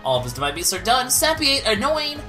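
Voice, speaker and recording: A man's voice: extremely high pitch, huge pitch swings, fast. A man giving casual, rambling, analytical gameplay commentary as a let's play host. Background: game music.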